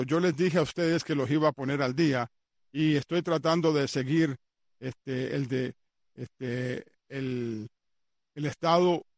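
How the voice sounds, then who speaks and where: A man with a slightly high voice hosts a sports radio show in a dry, studio-quality recording. His casual commentary is chatty and repetitive, going over details again and peppered with hesitant fillers.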